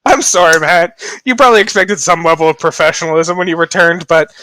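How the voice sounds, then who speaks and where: A man's voice: on the high side, fast, sharp tone. A young man hosting a podcast, casual and joking, rambling and self-deprecating. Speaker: podcast host.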